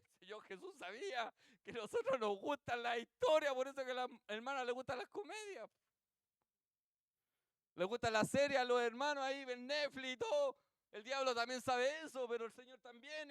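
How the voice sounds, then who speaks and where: A man's voice: very high-pitched, a little fast, clear, resonant tone, no room sound. A male pastor with a Chilean accent giving a sermon in a church, telling stories and asking the congregation rhetorical questions. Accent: Chilean Spanish. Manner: animated storytelling with rhetorical questions.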